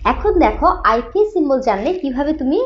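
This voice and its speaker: A woman teaching a spoken English lesson, patiently repeating each sound slowly for her students. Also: high-pitched, sing-song. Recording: slightly dull lo-fi sound.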